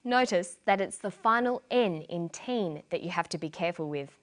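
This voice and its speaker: A woman from Australia, narrating an English lesson slowly and clearly, stressing key syllables for learners. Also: on the low side, animated. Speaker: English teacher. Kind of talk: scripted language lesson narration.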